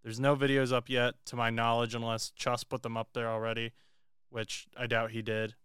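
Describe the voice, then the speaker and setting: A man's voice: mid-range voice, moderate pace, smooth, dry recording. A young man talks football on a podcast in an easy, joking way. His voice is very clean and resonant, and it sits in the middle of the range for a man. The recording is dry and close, with no room sound. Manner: joking, chatty, relaxed. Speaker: podcast co-host. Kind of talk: casual chat.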